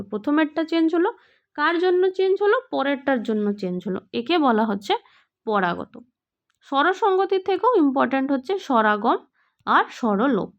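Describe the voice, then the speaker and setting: High-pitched woman teaching grammar. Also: highs cut off. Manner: explanatory, asks questions then answers them. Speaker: exam prep teacher. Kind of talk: online grammar lesson.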